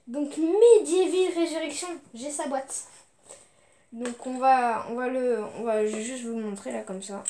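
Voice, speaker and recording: A woman's voice: high-pitched, unhurried, warm tone. A young woman chatting casually as she shows her video game collection, hesitant, with many fillers and restarts. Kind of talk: casual unboxing chat.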